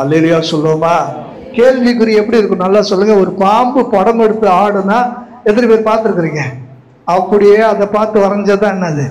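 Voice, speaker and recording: A male pastor preaching a sermon, questioning his congregation and repeating phrases for emphasis. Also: high voice. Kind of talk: Tamil sermon with scripture reading. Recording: echoey hall.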